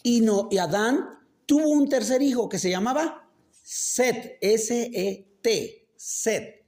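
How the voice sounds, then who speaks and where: A man's voice: very high-pitched, lively intonation, takes it slowly, a little mellow. A man preaching a casual sermon. He keeps quizzing the congregation with rhetorical questions and makes joking asides. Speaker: pastor. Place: church.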